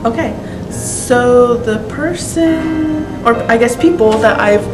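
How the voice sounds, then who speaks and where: A woman's voice: a little high, slow pace. A woman in her thirties answering a question, careful and self-correcting. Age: 30s. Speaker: interviewee. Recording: echoey room, loud music behind.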